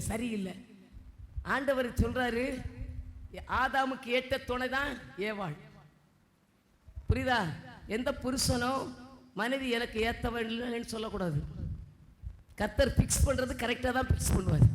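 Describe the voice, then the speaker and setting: A woman preacher, delivering a sermon and scolding the congregation with rhetorical questions. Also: a little high. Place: church hall. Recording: long hall reverb.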